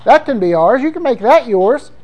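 A man's voice: very high-pitched, very animated, normal speed, mellow, dull audio. A male pastor delivering a sermon, talking conversationally and reading scripture aloud with emphasis.

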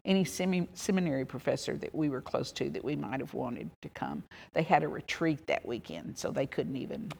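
Woman in her seventies, low gravelly voice, halting folksy reminiscence, interview. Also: animated, darkish tone. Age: 70s. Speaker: interviewee, wife of a minister.

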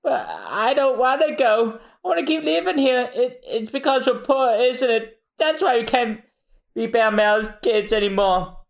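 A man's voice: very high-pitched, sing-song, a little slow, gravelly, voice pushed up, heavily acted. A man voicing an upset young girl, whiny and pleading.

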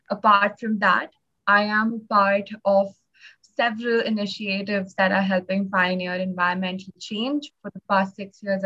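A young woman hosting a podcast, speaking in a measured, partly scripted way. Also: medium pitch, bright, forceful tone, lo-fi sound. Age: young adult. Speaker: podcast host.

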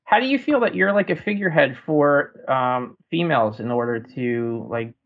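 Relaxed man host, slightly dull sound. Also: mid-range voice, moderate pace, gravelly. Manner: relaxed and rambling, frequent "um" and restarts. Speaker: podcast host. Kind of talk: casual interview chat.

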